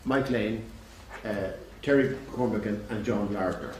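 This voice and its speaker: A man chairing a public meeting in a measured, courteous, unscripted way. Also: lowish voice. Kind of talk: unscripted moderating to an audience. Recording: echoey, distant, noisy room with clicks.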